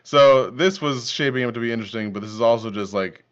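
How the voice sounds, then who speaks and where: A man's voice: mid-range voice, fast, clear, resonant tone. A man hosting a live podcast stream, reacting casually and laughing often. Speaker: podcast host. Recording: dull lo-fi stream audio.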